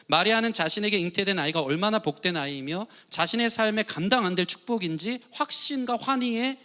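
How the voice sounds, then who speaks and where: A man in middle age preaches from the pulpit, his voice sitting high and ringing bright. He keeps pressing the congregation with earnest questions as he preaches. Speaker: pastor. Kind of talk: sermon. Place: church sanctuary.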